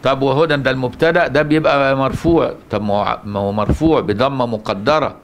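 Egyptian male Quran teacher, mid-pitched voice, questions the class and answers himself. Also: fast talker, a little hiss or hum. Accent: Egyptian Arabic. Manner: asks the listener rhetorical questions and answers them. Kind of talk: religious lesson.

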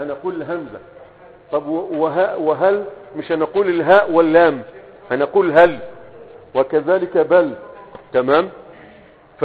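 Egyptian male teacher, tinny phone-like sound. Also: a little high. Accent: Egyptian Arabic. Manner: repeats "tamam?" to check understanding, asks and answers his own questions. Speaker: Arabic grammar teacher. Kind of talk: classroom lecture.

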